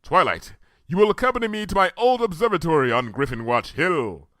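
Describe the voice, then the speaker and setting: A man voicing a regal, impulsive female moon princess pony who speaks in archaic, booming proclamations. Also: animated, brisk, fairly bright tone, no room sound, clean studio sound. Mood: grand.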